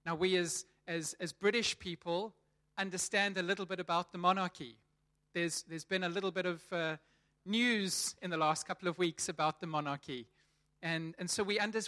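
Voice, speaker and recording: Preaching to his church in a forceful, bright, high voice, this man in his thirties has a South African accent. His sermon is conversational, and he frequently restarts, repeating words as he goes.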